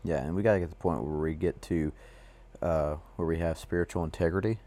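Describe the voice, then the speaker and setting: Very deep, mellow-voiced rambling man. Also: steady tone, quick pace. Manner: rambling, full of "you know" fillers. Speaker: co-host. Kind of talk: casual faith discussion.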